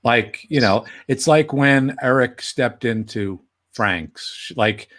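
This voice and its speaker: A man's voice: mid-range voice, takes it slowly, a bit bright. A man co-hosting an interview, chiming in with short, encouraging remarks and questions. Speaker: co-host. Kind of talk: casual interview chat.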